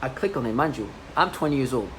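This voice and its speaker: With a bass voice, a woman in her thirties speaks fast and animatedly in a rambling, personal monologue. She is agitated and repetitive, with frequent restarts, and the home recording is noisy.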